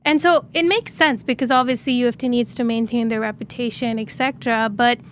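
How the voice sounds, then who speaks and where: A young woman from Dubai tells how her startup began, talking earnestly in long, animated stretches full of "um"s and "right?"s. Her voice sits on the higher side, and a faint hiss runs under the recording. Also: brisk. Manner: earnest, animated storytelling with many fillers. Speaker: startup founder guest. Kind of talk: interview conversation.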